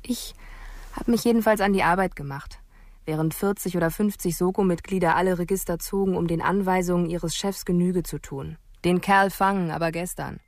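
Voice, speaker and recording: A woman's voice: fairly low pitch, fairly even intonation, brisk, dry recording, studio quality, natural voice. An actress playing a female criminal profiler who narrates in a wry, reflective way.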